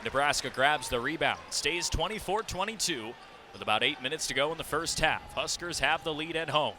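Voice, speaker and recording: Courtside at a basketball arena, a young man broadcasts radio play-by-play in a fairly high, quick voice whose lively intonation leaps along with the plays. His description of the action is vivid. Behind him come the loud sounds of the game and bouncing basketballs.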